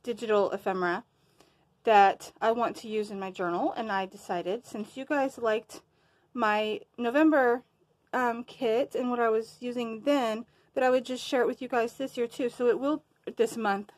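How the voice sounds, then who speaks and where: A woman's voice: a little high, steady tone, moderate pace. A woman talking casually to her viewers in a crafting show-and-tell, a bit winded and rambling, losing her train of thought now and then. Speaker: crafting vlogger.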